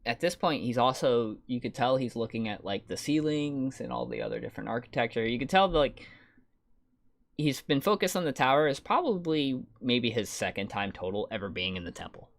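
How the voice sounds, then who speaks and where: A young man narrating as dungeon master, relaxed and halting, with many fillers. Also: medium pitch, creaky. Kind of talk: narrating a tabletop game.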